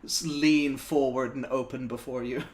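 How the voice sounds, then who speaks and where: A man's voice: mid-range voice, moderate pace, roomy sound, slight background noise. Laid-back man running a tabletop game. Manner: relaxed, laughs often. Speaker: game master. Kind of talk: narrating a tabletop game over voice chat.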